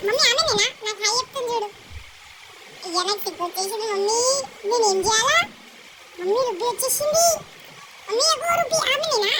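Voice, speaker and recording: Young girl, very high voice, bossy and excited chatter, loud noise behind. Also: quick pace, pauses often. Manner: excited, bossy, whispering secrets. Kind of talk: playful chatty vlog narration.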